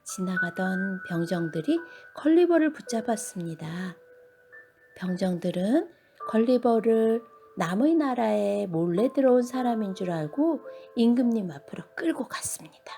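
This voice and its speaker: A woman reads a children's bedtime story at a measured pace with very lively intonation, over faint background music. Her medium-pitched voice has a creaky edge and often sinks to a dramatic hush.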